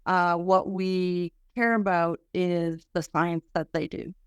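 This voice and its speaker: Quebec woman, earnest halting speech. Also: on the low side, little pitch movement, clean tone, no room sound, clean studio sound. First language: French. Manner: earnest, halting with many restarts. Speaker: research center director. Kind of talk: podcast interview.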